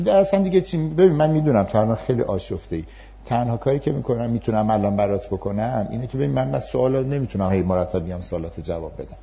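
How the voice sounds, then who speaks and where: Gravelly, mellow-voiced male lecturer. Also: medium pitch. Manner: calm, patient, acts out empathetic replies. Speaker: university lecturer. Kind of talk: class lecture with role-play demonstrations.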